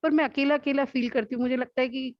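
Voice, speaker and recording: A woman and mother earnestly describing her trouble in a devotional session, speaking quietly. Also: high voice, steady tone, quick pace, no echo, lo-fi sound. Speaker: participant asking a question, mother.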